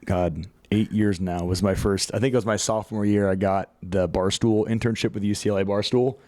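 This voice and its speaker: A man's voice: on the low side, fairly even intonation, a little fast, darkish tone. A young man hosting a casual sports podcast, rambling through stories, swearing casually and laughing mid-sentence. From USA. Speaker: podcast host.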